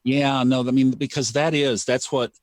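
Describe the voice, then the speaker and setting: In a casual podcast chat, the male host speaks at medium pitch with a steady tone and moderate pace. His style is reflective and story-driven, with repeated phrases for emphasis, and there is no room sound.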